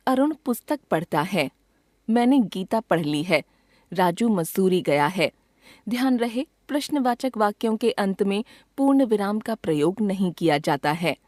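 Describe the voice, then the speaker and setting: A woman reading a grammar textbook lesson aloud in a measured, even way, pausing clearly after each item. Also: mid-range voice, no room sound, studio quality. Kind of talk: scripted lesson narration.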